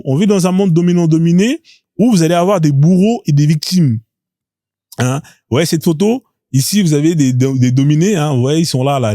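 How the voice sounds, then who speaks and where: A man's voice: fairly high pitch, darkish tone, no echo, studio quality. A man hosting a live stream in casual commentary, talking bluntly and crudely, often tossing out a rhetorical "hein?".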